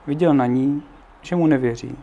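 Man, gravelly, mellow dark tone, reading a storybook aloud, unhurried, casual asides. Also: medium pitch, lo-fi sound. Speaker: narrator. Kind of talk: reading a children's book aloud.

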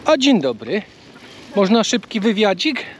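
A high-voiced man chats casually to the camera while cycling a trail outdoors. A faint hum of open air sits under his voice. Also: very animated, measured pace. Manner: chatty, coaxing talk to a bird. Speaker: travel vlogger. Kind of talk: casual travel vlog.

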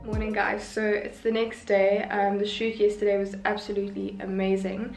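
A woman's voice: medium pitch, completely flat delivery, moderate pace, creaky, echoey room, music in the background, low-quality recording. A young woman vlogging casually in a gushing, chatty way, with a groggy morning voice. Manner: chatty, gushing, says "like" and "guys" a lot. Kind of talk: casual vlog chat.

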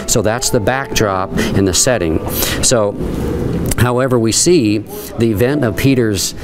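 With music in the background, a middle-aged guide speaks unhurriedly in a lowish voice on an outdoor stone terrace, later in an underground rock dungeon. Teaching the Bible, he reads scripture aloud and explains it earnestly, full of fillers and restarts.

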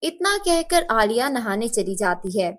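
A woman narrates a children's cartoon story in a steady, expressive storytelling manner. Her voice sits a bit higher than most women's. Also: measured pace.

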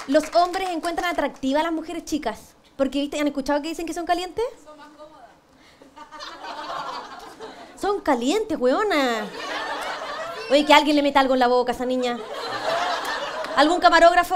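This Chilean woman speaks briskly in a high-pitched voice, leaving long pauses during her stand-up set on a TV panel show. She's cheeky, self-mocking and crude in her punchlines. The TV studio recording is noisy, with crowd noise and audience laughter.

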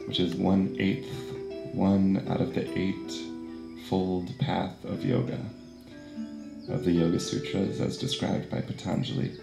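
A man guides a yoga and meditation class in a deep, gravelly voice that stays low and level. He talks slowly and calmly, and at times he chants mantra syllables. The voice carries a roomy echo, with faint instrumental music behind it.

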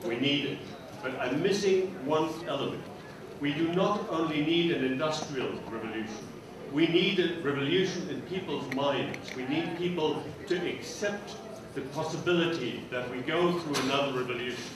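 An older man asks a panel a long question from the floor through a handheld mic. He sounds earnest and insistent, and keeps stacking up what "we need". His voice sits fairly high and carries a lot of hall echo, heard from a distance with a steady noise floor. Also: normal speed. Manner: earnest, declarative, repeats "we need". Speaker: audience member asking a question. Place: conference hall audience, indoors.

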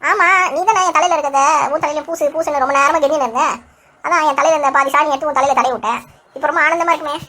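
Woman doing a sharp-tongued mother-in-law type in a cartoon, high-pitched and fast, bossy and sarcastic. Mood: mocking. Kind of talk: cartoon voice acting.

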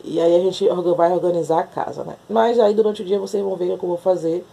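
A woman's voice: lowish voice, fast talker, creaky, breathy edge. A young woman with a Brazilian accent, chatting casually in a home vlog recorded on her phone. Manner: chatty, animated, coos and baby-talks to her cat. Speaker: vlogger. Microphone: phone camera.

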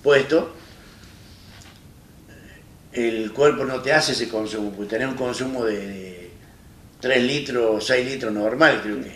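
Medium in pitch and fairly bright in tone, an Argentine man's voice tells a personal story during a studio interview where he is the guest. His Argentine Spanish comes out plain-spoken and halting, retelling with many restarts from an armchair on a small set. The sound is roomy and distant, with echo and faint hiss.

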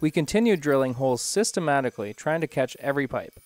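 Calm male host narrator, thirties, even mid-range voice, light music behind. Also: medium pitch, quick pace. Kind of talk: scripted voice-over narration.

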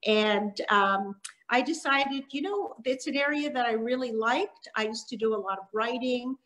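A middle-aged woman from Montreal, a children's author, giving a talk from her living room over a laptop webcam, with frequent ums and pauses. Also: a little high, a bit bright, poor audio. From Canada (Montreal), born in Hungary. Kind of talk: presentation on a video call. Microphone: laptop webcam on a video call.

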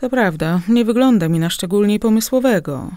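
A woman reading the part of a worldly, ironic middle-aged uncle in an audiobook, speaking in a smooth, patronizing, conspiratorial way. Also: mid-range voice, lively intonation, fairly quick, dark tone, dry recording, studio quality, pitched above the performer's own voice, natural voice.

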